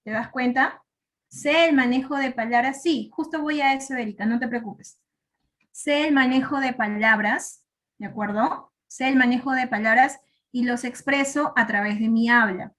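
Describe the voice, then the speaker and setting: Higher-pitched woman teacher explaining patiently. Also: moderate pace, a bit bright. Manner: patient, checks understanding with frequent tag questions. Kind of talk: classroom explanation.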